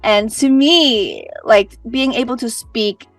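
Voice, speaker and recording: A woman's voice: a little high, slow, no room sound. A young woman from Hong Kong speaks English with a Hong Kong accent, Cantonese being her first language. She answers chattily, peppering her sentences with fillers and restarts. Her voice sounds slightly distant and dry, with faint music underneath. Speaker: singer-songwriter guest. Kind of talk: casual interview answers.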